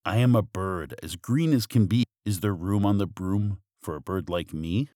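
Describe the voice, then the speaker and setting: A polite green storybook bird, read by a man in his low voice. The sound is close and dry. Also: moderate pace, mellow, no room sound, natural voice.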